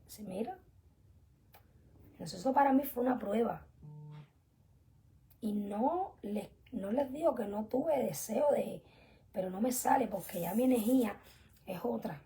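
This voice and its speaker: A young woman teaching an online religious class, earnest and emphatic, often dropping to soft whispered asides. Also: fairly high pitch, measured pace, long pauses. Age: young adult. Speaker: spiritual teacher.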